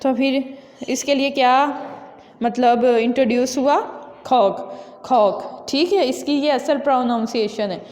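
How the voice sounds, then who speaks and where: A woman's voice: high voice, moderate pace, darkish tone. A woman with a Pakistani accent teaching a classroom lesson. She explains step by step, mixes in English school words, and keeps checking with her students. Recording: echoey classroom with long reverb.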